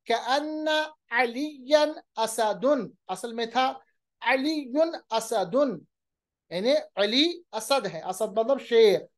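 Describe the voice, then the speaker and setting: A woman teaching a grammar lecture, explaining patiently and slowing down to recite example phrases carefully. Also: a little high. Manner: patient explaining, often checks in with "okay".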